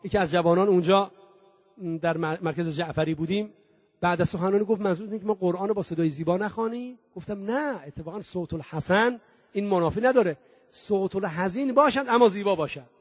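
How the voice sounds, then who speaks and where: A man with a high-pitched voice preaches to mourners, chanting scripture in a singing tone between rhetorical questions and long, emphatic lists. The recording is dull, dry and lo-fi, with no room sound.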